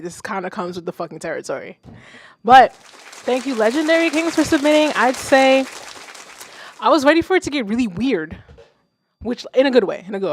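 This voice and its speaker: A streamer with a Haitian accent, young and female, reacts casually to submitted music in a rambling way, cursing freely and laughing a lot. Her voice sits in the mid range, with no room sound.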